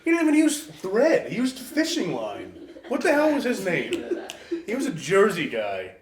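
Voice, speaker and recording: Animated young man, echoey crowded room. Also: sits high, moderate pace, crowd noise. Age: 20s. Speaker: interview guest, former pro wrestler. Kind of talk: casual storytelling chat.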